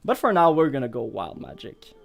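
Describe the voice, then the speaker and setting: With music playing behind him, a native French speaker from Montreal, Canada chats in Quebec-accented English during a live gameplay stream. His gravelly, medium-pitched voice swoops wildly in pitch at a fairly quick pace, and his talk is rambling and hesitant as he thinks aloud.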